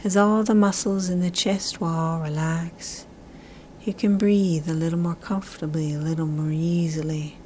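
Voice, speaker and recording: In a soft, spa-style half-whisper, a woman guides listeners through relaxation. Her fairly low, soothing voice barely shifts in pitch as she stretches out and repeats phrases slowly. Faint ambient noise hums behind her.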